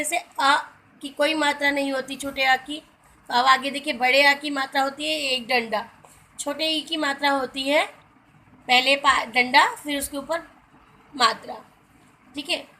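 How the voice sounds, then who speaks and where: A woman's voice: high-pitched, steady tone, moderate pace, bright, forceful tone, rough recording. A woman teacher giving a grammar lesson, spelling out letters one by one and calling her students "beta". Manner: briefly sings film song lines as examples. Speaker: Hindi teacher.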